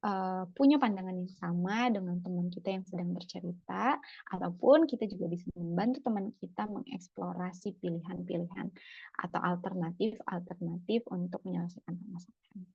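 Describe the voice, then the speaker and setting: A woman's voice: fairly low pitch, brisk, gravelly, slightly rough, no room sound. A woman clinical psychologist giving a casual talk, chatty, often tagging phrases with "gitu ya" and acting out short examples. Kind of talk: casual lecture with acted examples. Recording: dull lo-fi sound, dry.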